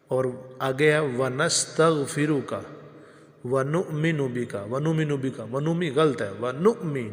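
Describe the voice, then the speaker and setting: A man's voice: mid-range voice, long reverb tail. A man teaching careful recitation, patiently correcting pronunciation word by word. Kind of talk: religious recitation lesson.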